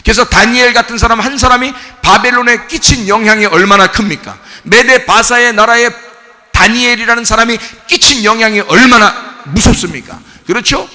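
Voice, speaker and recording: A male pastor delivers a lively sermon in a bright, high voice that swoops up and down. He acts out quoted friends now and then in a lower voice. The sound carries a long reverb from a church hall. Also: moderate pace. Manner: animated preaching, acts out quoted friends in a low voice. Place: church sanctuary.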